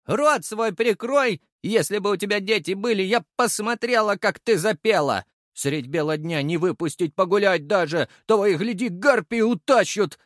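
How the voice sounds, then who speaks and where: A man's voice: high-pitched, animated, normal speed, hardly any pauses, a bit bright, no room sound, studio quality, voice pushed up. A man doing a harsh scolding village widow.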